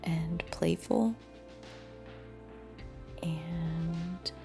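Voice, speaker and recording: A woman records herself on a phone voice recorder, dictaphone-style, telling a personal story alone in a halting way, with long pauses. Her fairly low, warm, breathy voice keeps trailing off toward a whisper, and soft music plays in the background.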